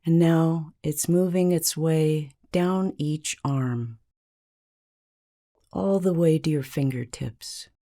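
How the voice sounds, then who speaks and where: Speaking in a low-pitched voice, a woman delivers a scripted guided meditation. She sounds calm and soothing, moving at a measured pace broken by long pauses.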